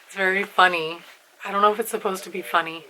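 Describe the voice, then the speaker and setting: A woman's voice: mid-range voice, fairly even intonation, fast talker, pushed and bright, slight background noise, low-quality recording. A woman reading a classic novel aloud, then chatting casually and laughing at herself. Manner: chatty, self-deprecating, laughs often. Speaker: audiobook reader. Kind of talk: read-aloud narration, then casual chat.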